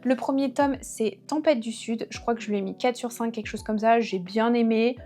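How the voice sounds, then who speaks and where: A woman's voice: on the high side, moderate pace, warm tone, soft background music. A young woman chatting casually about her book series, talking with frequent fillers and restarts as a book vlogger. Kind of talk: casual book review chat.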